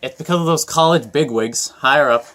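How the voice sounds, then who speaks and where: A man's voice: on the high side, fairly quick, a bit bright, natural voice. A man doing a rambling older politician. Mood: indignant. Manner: rambling, preachy speech with folksy asides. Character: blustering older male anti-tax politician. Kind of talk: comedy sketch monologue.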